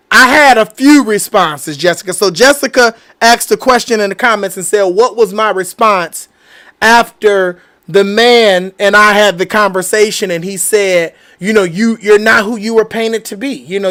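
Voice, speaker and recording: A man's voice: high voice, fairly bright tone. A man hosting a podcast, talking casually and earnestly with viewers and reading their comments, often repeating himself. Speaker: podcast host. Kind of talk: casual live-stream talk reading comments.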